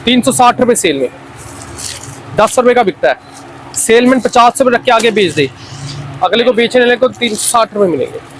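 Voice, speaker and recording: Casting: Pakistani male trader, high voice, insistent repetitive hard-sell patter, faint background noise. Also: animated, normal speed, long pauses, low-quality recording. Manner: repeats his lines insistently. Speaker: wholesale toy seller presenting stock. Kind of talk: unscripted hard-sell product pitch.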